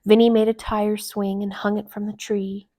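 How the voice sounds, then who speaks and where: A woman with a mid-range voice reads from a children's storybook, her delivery expressive and carefully paced like a storyteller's.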